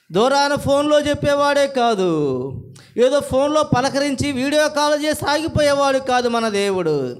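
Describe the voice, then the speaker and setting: A man preaching a sermon, repeating phrases and asking the congregation rhetorical questions. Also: very high-pitched. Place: church service.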